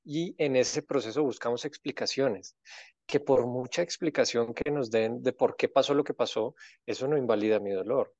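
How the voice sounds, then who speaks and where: A man, a guest in an interview, explaining in a calm, reflective way. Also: mid-range voice, normal speed, dry recording. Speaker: guest, grief author. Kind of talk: conversational interview. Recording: dry, dull lo-fi sound.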